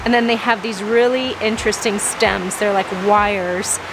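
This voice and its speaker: A woman's voice: medium pitch, normal speed. A young woman vlogging a plant shopping trip in a large greenhouse nursery, gushing over plants and reading the prices aloud. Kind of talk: excited plant-shopping vlog. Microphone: handheld phone camera. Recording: steady background noise.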